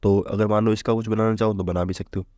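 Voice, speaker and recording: A man teaching a relaxed vocabulary lesson in a low, mellow voice. He talks chattily, constantly posing questions and answering them himself. The sound is dry and close to the mic. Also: fast, no room sound. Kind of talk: casual Hindi exam-prep lesson.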